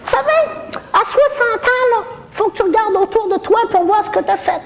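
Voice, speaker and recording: A woman's creaky, extremely high voice moves at a moderate pace through a stand-up character piece, with a long reverb tail and a little hiss or hum. Speaking with a Québécois accent, she plays a cheeky, bawdy retirement-home granny full of saucy gossip and self-mockery.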